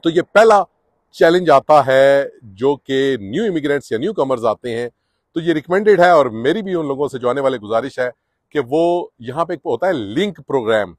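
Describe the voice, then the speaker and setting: This vlogger's voice runs a little high, with a dry, studio-quality recording. He's a middle-aged man from Pakistan or India, giving newcomers earnest, casual immigration advice to camera on a sunny residential street, peppered with "uh" fillers.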